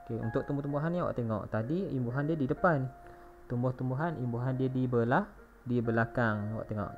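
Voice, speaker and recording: A male primary school teacher with a Malaysian Malay accent, patiently walking young pupils through a recorded lesson and spelling words out letter by letter. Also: medium pitch. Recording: dull lo-fi recording with faint music.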